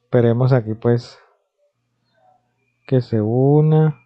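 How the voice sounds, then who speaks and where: A middle-aged man giving an informal software tutorial in a conversational, instructive way. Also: mid-range voice, takes it slowly. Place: small indoor room. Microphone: headset microphone. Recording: dull, lo-fi headset audio.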